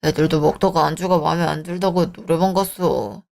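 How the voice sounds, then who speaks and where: A woman's voice: sits low, steady tone, fairly quick, creaky, a little mellow, voice pushed down. A woman voicing a selfish young married man who talks in a dismissive, irritated way, in a dramatized story. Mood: scornful.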